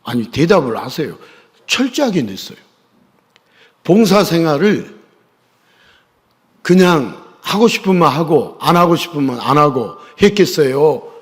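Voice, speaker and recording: A male pastor preaching a sermon in a church, firing questions at his congregation and pressing them to answer, swinging between loud emphasis and hushed asides. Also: a little high, big pitch swings, a little slow, long pauses. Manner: call-and-response questioning of the congregation. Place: church sanctuary. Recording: long church reverb.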